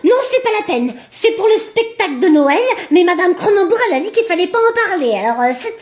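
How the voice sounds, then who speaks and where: A woman's voice: very high-pitched, sing-song, brisk, roomy sound. A woman playing a little schoolgirl making stammering excuses after being caught. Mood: evasive. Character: sneaky schoolgirl caught raiding the fridge. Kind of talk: comedy skit acting.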